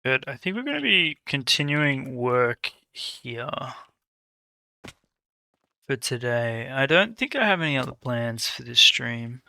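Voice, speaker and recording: A male game streamer chatting casually on a live stream, greeting viewers by name in an easygoing, low-key way. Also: sing-song, slow, gravelly, bright, forceful tone, dry recording. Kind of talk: casual live-stream chat while playing.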